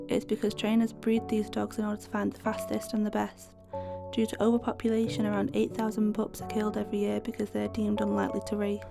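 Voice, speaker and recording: A young woman reading a scripted documentary narration in a steady, even way over guitar music. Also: medium pitch, vocal fry. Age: young adult. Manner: steady, even read-aloud delivery.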